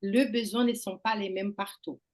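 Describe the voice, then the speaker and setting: A woman's voice: mid-range voice, steady tone, moderate pace, darkish tone. A woman hosting a group talk, explaining ideas through personal examples and checking in with "okay?". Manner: explains with examples, asks "d'accord?". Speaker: workshop host. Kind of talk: conversational teaching.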